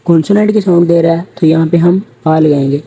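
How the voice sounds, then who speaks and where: Husky, dark-toned male English teacher. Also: a little high, low-quality recording. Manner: asks students questions, then answers them himself. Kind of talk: recorded grammar lecture.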